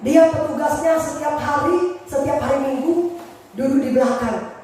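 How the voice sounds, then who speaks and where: A woman preaching an animated, emphatic sermon, recorded from a distance in a church hall. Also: sits high, normal speed, soft background music. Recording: echoey hall from far off.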